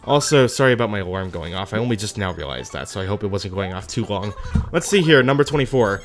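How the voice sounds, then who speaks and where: With game music playing behind him, a gaming host offers casual gameplay commentary, musing aloud in an animated way and occasionally reading game text. His voice sits low and moves fast.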